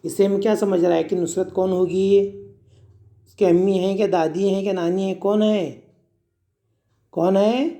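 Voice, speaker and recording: A man's voice: high-pitched, fairly even intonation, normal speed, pauses often, mellow. A man teaching first graders to read, sounding out each word letter by letter with patience and answering his own questions. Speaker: primary school Urdu teacher. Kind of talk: reading lesson for young children.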